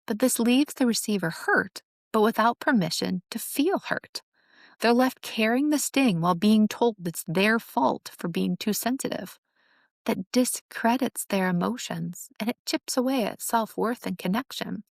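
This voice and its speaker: Woman, earnest teaching tone, gravelly fry, mid pitch, dry close sound. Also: a little slow, no room sound. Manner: earnest, instructive, acts out sarcastic examples. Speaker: host. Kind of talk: teaching monologue on relationships.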